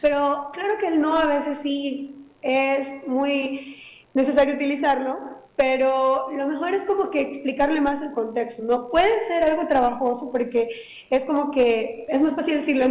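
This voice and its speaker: Una mujer terapeuta de lenguaje que explica con calma en una entrevista de radio y pone ejemplos de cómo hablarles a los niños. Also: female voice, sits high, roomy sound, low-quality recording. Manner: calm, explanatory, acts out examples to children. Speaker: speech therapist. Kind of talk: expert explaining on radio.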